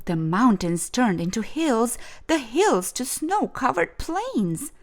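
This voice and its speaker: A female storyteller reads aloud to children, expressive and deliberate, taking her time with lively swings in pitch. She serves as host and storybook reader, phrasing things dramatically for a young audience.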